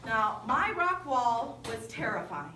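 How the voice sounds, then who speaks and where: A woman camp speaker telling a story in a lively sermon to young people. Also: a little high, takes it slowly, noisy background. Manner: lively, animated storytelling with quoted dialogue. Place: large indoor hall at a winter camp. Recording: echoey hall from far off.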